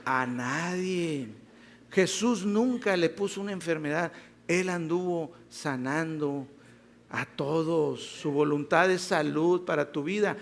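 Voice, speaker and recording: A man preaching a church sermon, lively, acting out quoted voices and repeating words for emphasis. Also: a little high, a little hiss or hum.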